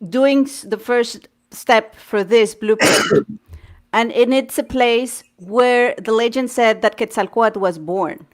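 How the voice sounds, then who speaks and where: A woman hosting a casual chat, talking eagerly and quickly and often restarting her phrases. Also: a little high. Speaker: host.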